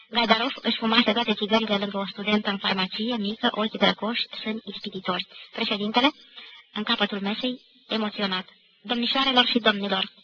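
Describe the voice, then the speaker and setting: A woman reading a literary novel aloud in a measured, clear manner, on an old radio archive recording. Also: a little high, sharp tone, lo-fi sound. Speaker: audiobook reader.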